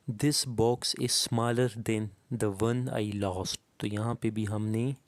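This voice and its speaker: A man teaching English grammar, explaining slowly and reading each example sentence aloud word by word. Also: medium pitch, darkish tone, no echo. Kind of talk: explaining a lesson to students.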